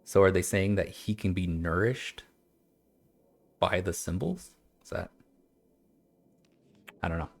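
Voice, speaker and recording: Deep-voiced man stumbling through game text. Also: vocal fry. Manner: halting, stumbling reading of old text; self-mocking, laughs often. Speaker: streamer. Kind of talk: let's-play commentary with reading aloud.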